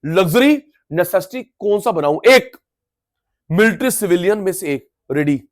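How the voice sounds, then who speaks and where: A middle-aged man teaching an economics class with a loud, coaxing delivery. His voice sits high for a man, and he keeps quizzing his students as he goes. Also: expressive, a little slow. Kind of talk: energetic classroom lecture.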